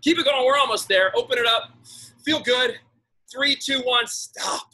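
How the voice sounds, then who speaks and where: A man's voice: very high-pitched, moderate pace, sharp tone, poor audio. A middle-aged man, an aerobics instructor calling out exercises and counts, urging and encouraging as he exerts himself outdoors. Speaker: fitness instructor leading a boot camp class. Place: outdoors in a backyard garden. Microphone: camera a few metres away.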